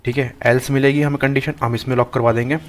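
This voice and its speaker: A young man teaching a coding class, thinking aloud as he types, with frequent pauses and restarts. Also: mid-range voice, level tone, slight background noise. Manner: thinks aloud while typing, halting with many restarts. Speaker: programming tutor. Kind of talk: screen-recorded coding lesson.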